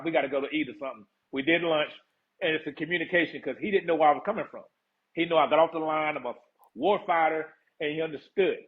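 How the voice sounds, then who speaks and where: A laid-back man telling stories from his years as a first sergeant, his voice a little high for a man. He laughs easily and keeps calling the listener "man." The sound comes through a thin, tinny line like a phone call. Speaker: retired first sergeant, podcast guest. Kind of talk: casual interview talk.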